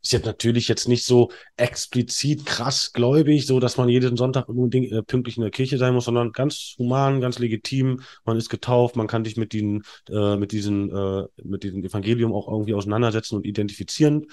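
Fairly quick with few pauses, this man's mid-range voice is steady and a little mellow. He's in his thirties and, as a podcast guest, rambles through candid conversational stories with plenty of fillers and restarts.

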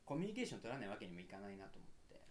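A man on a casual podcast, telling a long story with animated delivery and acted-out quotes. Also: fairly low pitch, racing, slight background noise. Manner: animated storyteller, acts out quoted lines, laughs often. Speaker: podcast co-host.

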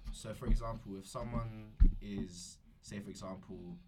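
A man's voice: lowish voice, steady tone, normal speed, loud music behind the voice. A young man with a London accent leading a casual group discussion, using roadman slang like bruv. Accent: London, urban street English. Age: young adult.

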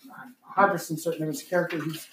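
A woman in casual, animated anime chat, swearing freely and arguing her opinions. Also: deep voice, very fast, a little hiss or hum. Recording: echoey room, mic at a distance.

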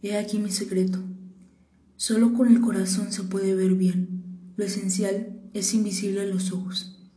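A woman reading as a wise, gentle fox. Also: mid-range voice, flat delivery, unhurried, natural voice. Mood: hushed. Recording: roomy echo.

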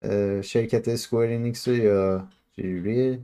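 A man's voice: on the low side, steady tone, dark tone, clear, resonant tone. A man hosting a podcast in casual, bantering chat. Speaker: podcast host.

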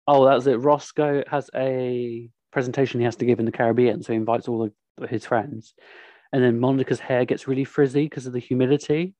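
Young male podcast host, casual rambling delivery, average pitch, dry close recording. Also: steady tone, a little fast, dark tone, dry recording. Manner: chatty, rambling with many ums. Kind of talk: casual chat.

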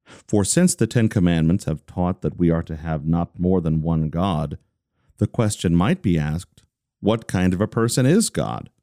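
Male reader, deep and dark-toned, deliberate devotional reading, dry close sound. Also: no room sound. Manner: deliberate, steady, slowing on listed phrases. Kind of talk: measured reading of a religious catechism.

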